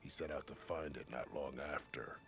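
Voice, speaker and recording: An actor playing a gruff, laconic scout in a video game, speaking in a terse, understated way. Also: male voice, extremely low pitch, normal speed, fairly bright tone, soft background music, exaggerated voice. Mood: grim, weary. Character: gruff, laconic male scout of a salvage crew. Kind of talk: video game character acting.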